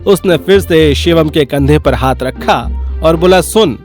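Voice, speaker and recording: A man narrating a scripted comic horror story in a wry, lively manner. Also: a little high, measured pace, faint music behind.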